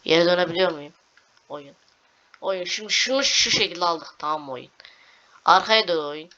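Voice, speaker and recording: A young woman giving casual commentary on her gameplay, excitable and talking to the game, repeating words as she plays. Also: on the low side, moderate pace, lo-fi sound. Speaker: gameplay streamer.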